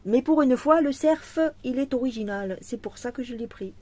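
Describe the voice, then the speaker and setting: A woman's voice: a little high, moderate pace, mellow. Tired, chatty French-speaking woman vlogger. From France. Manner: chatty, talks to the viewer, laughs often. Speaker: cross-stitch vlogger. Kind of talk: casual chat unboxing a craft kit.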